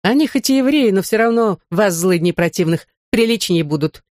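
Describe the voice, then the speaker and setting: A woman's voice: mid-range voice, animated, normal speed, darkish tone, no echo, clean studio sound, close to an everyday voice. A woman reading an audiobook, voicing a brazen young woman who taunts the others lazily. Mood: taunting. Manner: lazy mocking taunts.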